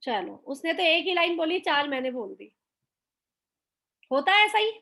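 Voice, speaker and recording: A woman's voice: very high voice, very animated, unhurried, bright, forceful tone. A middle-aged woman teaching a live online class who keeps putting questions to her listeners and acts out everyday quarrels as she explains. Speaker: motivational teacher.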